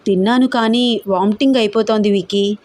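A woman reading an audio story, voicing an affectionate young female college student who speaks softly and pleadingly. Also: medium pitch, fairly even intonation, fairly quick, lightly acted.

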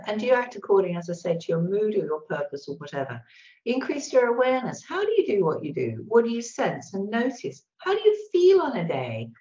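A woman talks an online audience through her presentation with a lively, up-and-down delivery. The sound comes through a video call, dull and lo-fi with a roomy echo around her voice. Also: mid-range voice. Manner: animated, acts out little voices. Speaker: webinar presenter. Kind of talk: presentation talk.

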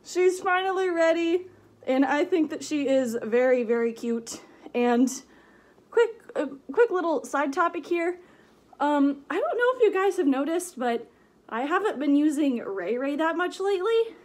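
A woman's voice: sits high, lively intonation, measured pace, darkish tone. A woman chatting casually in a vlog, giggly and rambling, her voice muffled inside a costume head. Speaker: vlogger.

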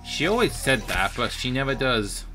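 A man's voice: medium pitch, very animated, moderate pace. A man casually commentating on a fighting game he is playing, self-deprecating and exclaiming in surprise at each moment. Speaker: gaming channel host. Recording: game music playing behind.

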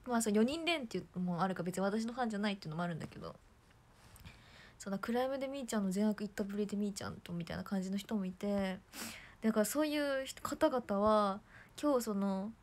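A young woman with a hoarse throat chatting casually on a livestream, bubbly and chatty, often dropping to soft near-whispers. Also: medium pitch, lively intonation, fast talker. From Japan. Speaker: idol livestreamer.

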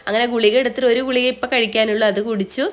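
Nasal young woman with a cold, fast chatty. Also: fairly high pitch, steady tone. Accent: Malayali. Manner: chatty, often ends phrases with a soft tag word. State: blocked nose from a cold. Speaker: vlogger. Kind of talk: casual voice-over narration.

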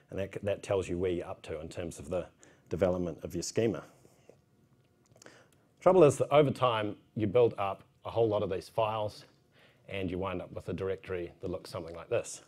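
Male conference speaker, thirties, low voice, strong New Zealand accent, casual and wry delivery. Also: a little mellow. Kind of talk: informal technical conference talk. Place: indoor conference room, at a podium.

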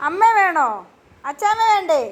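A woman working as a preschool teacher who talks with small children in a sing-song way, asking them questions and gently scolding them. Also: very high-pitched, normal speed. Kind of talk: coaxing talk with small children. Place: preschool classroom.

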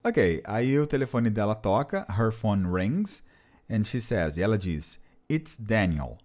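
Lively man teaching English. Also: lowish voice, slow pace. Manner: patient, repeats and translates phrases. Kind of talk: explanatory language lesson.

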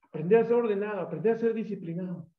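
A man with a Mexican accent preaching a sermon as a lively storyteller, acting out the voices he quotes. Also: high-pitched, racing. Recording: echoey, dull room sound.

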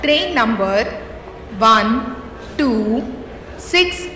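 A woman making railway station announcements over a PA loudspeaker, delivering each word in a slow, evenly spaced way. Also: fairly high pitch, animated. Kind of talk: recorded train announcement. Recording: echoey, distant loudspeaker with train noise.

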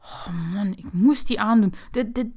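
A woman voicing a curious, mischievous young boy in a toy figure play video, excitable and whining. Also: medium pitch, unhurried, breathy edge.

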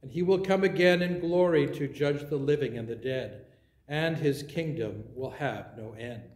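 A man leading a worship service as priest, reciting prayers in a measured, solemn way, with his voice ringing in an echoing church. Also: mid-range voice, a little mellow. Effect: echoing church reverb. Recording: roomy echoing church sound.

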